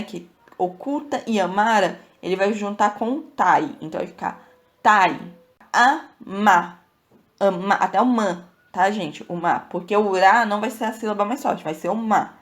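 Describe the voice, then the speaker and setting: Woman from Brazil, podcast host, casual literature lesson, chatty, checks in with listeners. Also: mid-range voice. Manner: addresses listeners as "gente", counts syllables aloud, frequent "tá, gente?".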